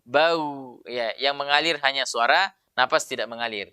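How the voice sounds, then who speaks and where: A man's voice: medium pitch, brisk, sharp tone, clean tone, no room sound. A man teaching Quran pronunciation, patiently explaining and drilling letter sounds aloud. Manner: patient, explanatory, many filler "ya". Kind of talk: tajwid pronunciation lesson.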